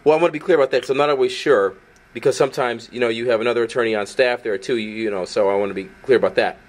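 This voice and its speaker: A medium-pitched man talks in rapid-fire bursts with a steady tone, playing the part of an outspoken activist journalist. The clip mixes blunt video commentary with a confrontational phone call, and he comes across as insistent, argumentative and wordy.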